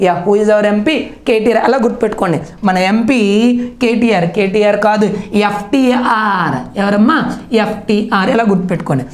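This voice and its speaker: A woman's voice: medium pitch, darkish tone. Woman teacher quizzing in a roomy echo. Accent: Telangana Telugu. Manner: quizzing, answers own questions, checks with "okay?". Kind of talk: exam-prep grammar lesson.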